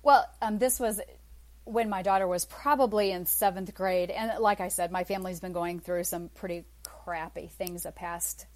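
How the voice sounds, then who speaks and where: A woman's voice: fairly low pitch, steady tone, moderate pace. Candid, chatty woman in her forties. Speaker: guest. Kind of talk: casual interview chat.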